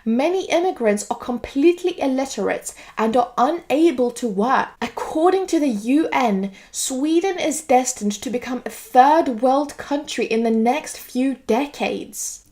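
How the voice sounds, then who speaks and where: A woman's voice: sits high, lively intonation, measured pace, few pauses, a little mellow. A woman from Greece delivering an earnest, lecturing monologue. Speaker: political video commentator. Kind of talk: scripted monologue to camera.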